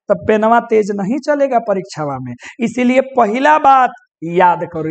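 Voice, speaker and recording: A male teacher with a Bihari Hindi accent coaches students on exam preparation, exhorting them in a folksy mix of dialect and English words. His voice sits very high and carries a gravelly edge. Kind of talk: motivational exam advice to students.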